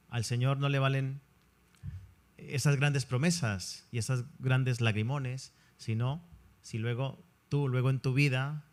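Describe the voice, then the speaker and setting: Measured male priest. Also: mid-range voice. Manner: measured, thoughtful, pauses with fillers. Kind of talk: conversational discussion.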